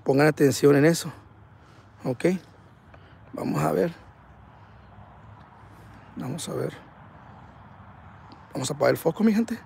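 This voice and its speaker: A man hosting a live ghost-hunting stream outdoors at night, talking excitably in slang and reading viewer comments aloud. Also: a little high, unhurried, creaky, pauses often, slight background noise. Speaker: paranormal livestream host.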